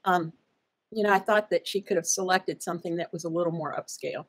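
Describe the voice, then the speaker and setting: A middle-aged woman co-hosting a casual fashion color chat, opinionated and halting, with frequent restarts and fillers. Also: lowish voice, slightly rough. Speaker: color analyst co-host.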